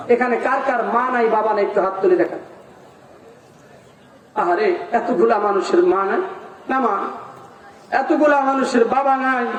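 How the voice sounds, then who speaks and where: A man preaching a sermon, telling a story dramatically and asking the crowd questions. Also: very high-pitched. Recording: echoing loudspeaker from far off.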